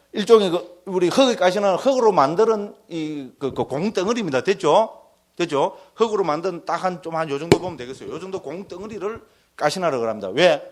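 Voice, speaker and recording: A Korean Buddhist monk giving a dharma lecture, folksy and joking, constantly checking in with his listeners. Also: sits high.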